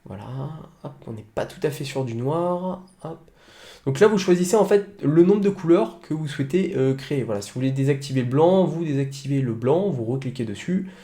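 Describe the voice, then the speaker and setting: A man's voice: mid-range voice, animated, brisk, warm tone, echoey room. A young man walking viewers through an online store setup in a screen-recorded tutorial, hesitant, with many fillers and restarts, in a home office with a computer fan humming.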